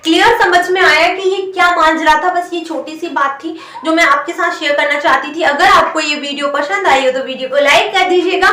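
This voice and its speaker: An English teacher with a high, bright voice gives a whiteboard grammar lesson, patiently explaining, asking and answering her own questions, and saying "theek hai" after each point. She speaks briskly and steadily with hardly any pauses, recorded from a distant mic in an echoey room.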